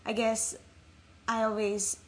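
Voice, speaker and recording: A woman's voice: fairly high pitch, completely flat delivery, slow. A young woman from Nepal, talking reflectively as an interview guest, with frequent ums. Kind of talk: casual interview. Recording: faint background noise.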